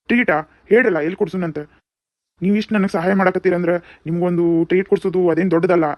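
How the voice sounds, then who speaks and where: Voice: mid-range voice, steady tone, quick pace, no echo, natural voice. A performer voicing a polite young office worker in a cartoon, with a North Karnataka Kannada accent and a grateful manner. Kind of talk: cartoon dubbing. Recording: dull lo-fi sound.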